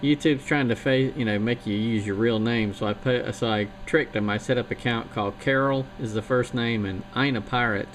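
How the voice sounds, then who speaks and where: A male CB radio operator talks from his home station in a medium-pitched voice, a little fast and with hardly any pauses. His chat is casual and somewhat rambling, carried over a noisy transmission.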